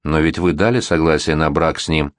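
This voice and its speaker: Guy reading as a smooth old-court regent, low voice, dry, pushy and charming. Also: steady tone, fairly quick, no echo. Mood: earnest. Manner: gallant, insistent. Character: worldly, flirtatious middle-aged male prince regent.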